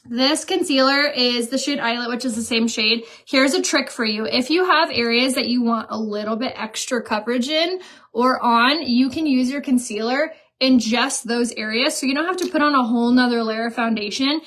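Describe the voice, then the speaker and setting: A woman's voice: on the high side, moderate pace, a bit bright. Chatty woman selling makeup on a live stream. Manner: chatty, giggly, salesy. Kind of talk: casual live-stream sales chat.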